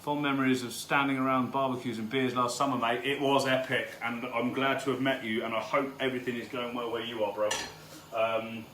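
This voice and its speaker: A man's voice: mid-range voice, flat delivery, a little fast, fairly bright tone. A man hosting a live cook-along from his home kitchen, chatting loosely with viewers and swearing freely. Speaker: home cooking host. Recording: roomy kitchen with background noise.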